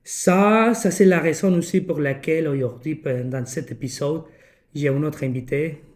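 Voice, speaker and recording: A man with a slightly high voice speaks French with a foreign accent, as a non-native speaker. He hosts a casual podcast, searching for words in a halting way and slipping in English terms. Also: a little mellow. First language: not French. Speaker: podcast host.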